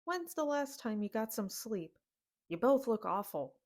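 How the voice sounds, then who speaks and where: A woman's voice: on the high side, very animated, unhurried, a little mellow. Woman playing a fatherly alien saloon owner, fussy, scolding, protective, fan audio drama. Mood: fussing. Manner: scolding, protective, calls others kid.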